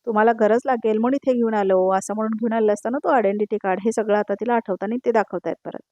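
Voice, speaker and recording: A woman's voice: on the high side, steady tone, very fast, a little mellow, no room sound, muffled recording. A woman giving a casual spoken recap of a TV serial episode, chatting along and tagging each quoted line with who said it. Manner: conversational, repeats "now she says" tags between quoted lines.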